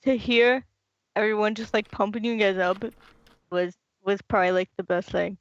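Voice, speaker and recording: A woman's voice: medium pitch, fairly even intonation, normal speed, highs cut off. A woman guest on a gaming podcast, talking eagerly and effusively. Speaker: podcast guest, team supporter. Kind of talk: casual chat.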